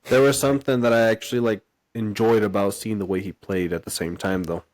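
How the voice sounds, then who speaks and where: A man's voice: lowish voice, steady tone, a little fast, a little mellow, dry recording. A man co-hosting a casual sports podcast, blunt and teasing, swearing a lot. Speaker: podcast co-host.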